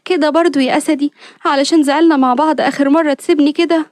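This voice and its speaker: A woman's voice: high voice, rapid-fire, no echo, clean studio sound, pitched above the performer's own voice, close to an everyday voice. A woman doing a pouty rich flirt. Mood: pouting.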